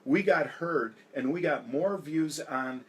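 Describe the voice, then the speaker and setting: A man's voice: on the high side, slow. An American man speaking emphatically as a political candidate in an interview, listing grievances. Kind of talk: campaign interview.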